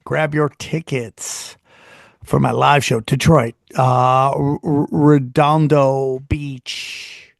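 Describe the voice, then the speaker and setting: A man's voice: mid-range voice, level tone, drawn-out words, creaky, no room sound, studio quality. A man hosting a casual podcast, talking in a loose, rambling way and plugging his live shows. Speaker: podcast host.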